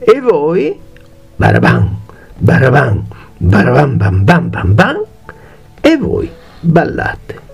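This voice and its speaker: A man's voice: mid-range voice, wildly swooping pitch, takes it slowly, gravelly, long pauses, soft background music, exaggerated voice. A man voicing a humble young soldier drummer in a fairy tale, polite and eager. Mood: cheerful.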